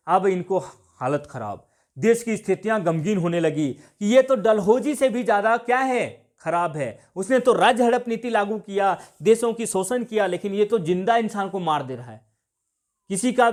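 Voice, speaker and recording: A man teaching an exam coaching class, who keeps repeating points and asks his own questions before he answers them, with a Jharkhand Hindi accent. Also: high voice. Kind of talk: classroom lecture.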